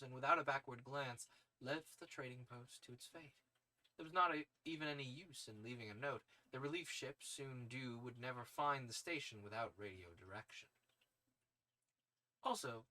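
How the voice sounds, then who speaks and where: A man streams himself reading fiction aloud, with casual asides. His voice sits at a middling pitch and has a bright, sharp edge. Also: rough recording. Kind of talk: story narration with casual asides.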